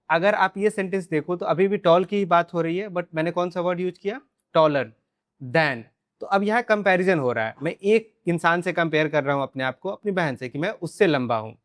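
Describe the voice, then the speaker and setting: A young man with an Indian accent teaching spoken English, explaining step by step with slow, deliberate example sentences. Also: on the high side, no echo, clean studio sound. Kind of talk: spoken English lesson, mixing Hindi and English.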